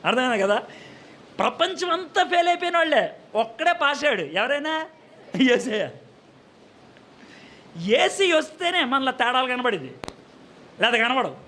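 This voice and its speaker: A man preaches a sermon in a high, sharp voice, asking his listeners questions and answering them himself. He now and then acts out short exchanges with humor. A faint hiss sits under the recording. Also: sing-song, moderate pace, long pauses.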